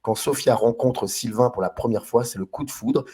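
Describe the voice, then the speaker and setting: A man's voice: mid-range voice, moderate pace, mellow. A man hosting a film discussion show in a casual, hesitant way, with lots of fillers and restarts as he introduces guests and films.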